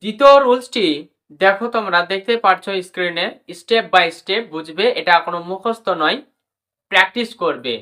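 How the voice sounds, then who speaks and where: A woman's voice: medium pitch, expressive, normal speed, pushed and bright. A woman teaching English pronunciation in a lesson, spelling out letters, drilling words and repeating each rule. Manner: repeats rules, addresses viewers as brother and sister. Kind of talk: classroom lesson explaining rules.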